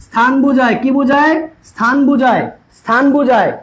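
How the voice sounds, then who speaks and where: Teaching an online exam-prep class, this man talks fairly quickly in a voice that sits very high for a man. He goes over every point twice and keeps posing rhetorical questions to the students. The recording sounds muffled.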